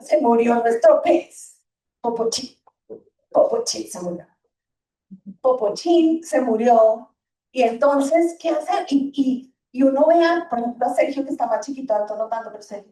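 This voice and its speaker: A woman, giving a lively parenting talk to an audience and acting out the lines of children and parents. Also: fairly high pitch. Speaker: school talk speaker for parents. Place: hall or gym. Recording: echoey room, voice from far off.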